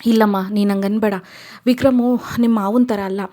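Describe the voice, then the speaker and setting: A gentle mother-in-law of middle age who soothes and coaxes the young couple, voiced by a woman retelling a soap. Her tone is soft and a little high. She pleads rather than scolds. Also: fairly even intonation, brisk, close to an everyday voice. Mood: coaxing. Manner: soft, coaxing.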